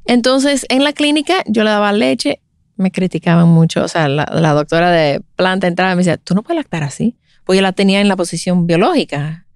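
Casting note: woman, 40s, lively storyteller in an interview, dry close sound. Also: fairly low pitch, fairly quick, smooth, dry recording. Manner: animated, acts out quoted voices. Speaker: guest speaker on breastfeeding.

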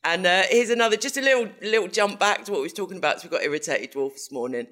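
A woman's voice: on the low side, expressive, racing, a bit bright. A woman co-hosting a podcast in casual chat, teasing her partner and laughing often. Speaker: podcast co-host.

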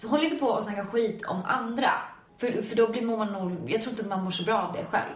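Giggly young woman in a roomy space. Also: mid-range voice. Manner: giggly, animated storytelling with quoted reactions. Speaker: guest, video maker. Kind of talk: casual chat. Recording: roomy echo.

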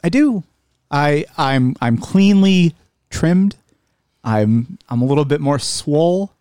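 A man's voice: on the high side, animated, slow pace, darkish tone, clear, resonant tone, no room sound, clean studio sound. A man with a slightly nasal voice hosting a casual comedic podcast, upbeat and jokey. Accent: Buffalo, New York. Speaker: podcast host.

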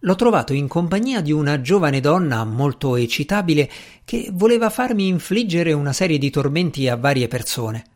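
A man reading aloud voices a reserved gentleman magician, curt and measured in his speech. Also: fairly high pitch, animated, close to an everyday voice. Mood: grave. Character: brusque reserved gentleman magician, cool and dry.

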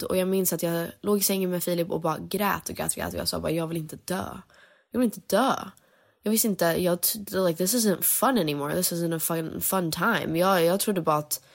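A young singer shares a personal story in a candid, unguarded way. Her voice sits a little low for a woman, and she often slips into English mid-sentence. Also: creaky. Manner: candid, mixes English phrases into Swedish.

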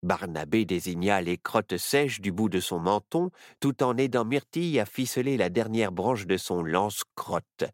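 A man narrating a children's story in an expressive, playful way. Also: on the low side, measured pace, hardly any pauses, no room sound, studio quality.

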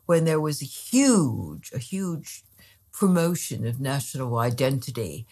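A woman researcher answering interview questions thoughtfully, pausing often with hesitations. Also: a bass voice, sing-song, mellow, husky. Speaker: guest researcher.

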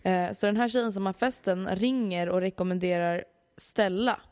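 A young woman chatting as a podcast co-host, her pitch mid-range for a woman. She reacts quickly and playfully and tells chatty stories. The recording is dry and close. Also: steady tone, darkish tone, no echo. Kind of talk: casual chat.

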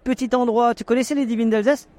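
A man's voice: very high voice, fairly even intonation, fast talker, dark tone. A man hosting a podcast, chatting and teasing guests in casual interviews at an outdoor wine tasting. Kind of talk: casual vox-pop interview.

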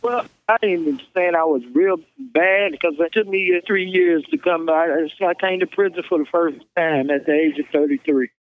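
A man's voice: a little high, normal speed, hardly any pauses, narrow, tinny audio. A man in his sixties from Kansas City, Missouri, talking on a prison payphone call, plain-spoken, often restarting words and adding "man.". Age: 60s. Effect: prison payphone call line. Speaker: incarcerated interviewee. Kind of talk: casual phone interview.

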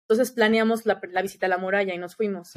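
A woman's voice: medium pitch, steady tone, fast. A young Mexican woman with a Mexican accent, chatting casually as a podcast guest and dropping "¿sabes?" often. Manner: chatty, frequent "¿sabes?" fillers. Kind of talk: casual interview chat.

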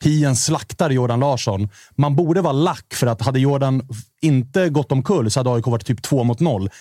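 Male podcast host, mid pitch, dry sound, guides the talk. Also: warm tone, no echo. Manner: steers the talk with questions. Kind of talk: casual podcast chat.

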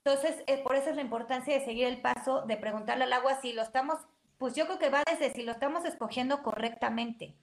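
A woman's voice: sits high, fast. A woman, a guest practitioner explaining her work in casual conversation. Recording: echoey room.

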